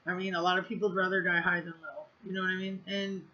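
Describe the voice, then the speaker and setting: A woman talks straight to camera in a loose storytime vlog, rambling through fillers and swearing bluntly. Her voice is bright and sharp-edged. The recording sounds a little dull and lo-fi. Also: on the low side, flat delivery, quick pace. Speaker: vlogger.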